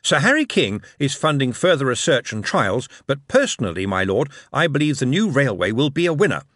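A glib young rogue delivers a formal report with smooth confidence, as a man puts him on. His pitch rises and falls widely, recorded dry and close. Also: very animated, a little fast, fairly bright tone, dry recording. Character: smooth-talking young male conman, formal.

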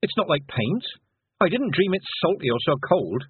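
A man's voice: a little high, sing-song, moderate pace, husky, dry recording, pitched above the performer's own voice, heavily acted. A man voicing a young, determined girl who is a witch, speaking earnestly and firmly. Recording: tinny phone-like dry recording.

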